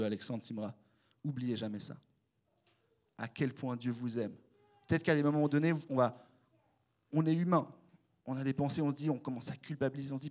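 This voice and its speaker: A young man with a Swiss French accent preaching a casual, conversational sermon, speaking straight to his listeners. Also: medium pitch. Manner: animated, conversational, addresses the congregation directly.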